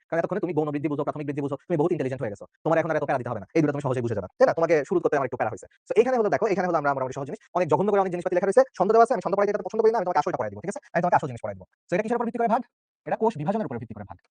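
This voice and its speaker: A man's voice: a little high, expressive, rapid-fire, a little mellow, no room sound. A young man from Bangladesh teaching an online exam-prep biology lecture, chatty and joking, often checking in with his students. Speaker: biology tutor.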